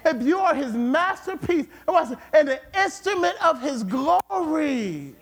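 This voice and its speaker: A man preaching a sermon with emphatic repetition, at times rising to shouts. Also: very high-pitched, big pitch swings, unhurried. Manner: emphatic, repeats words, rises to shouts.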